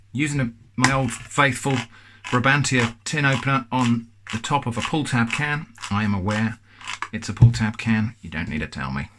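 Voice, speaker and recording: A man's voice: mid-range voice, noisy background. Chatty English man reviewing canned food. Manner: chatty, thoughtful, self-deprecating. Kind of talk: casual food review to camera.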